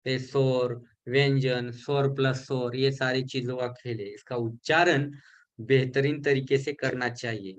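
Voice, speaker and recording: Man teaching pronunciation, repeating syllables. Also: medium pitch. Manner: explains slowly, repeats syllables to show pronunciation; mixes English terms into his explanations. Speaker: teacher of a healing course. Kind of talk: recorded online lesson.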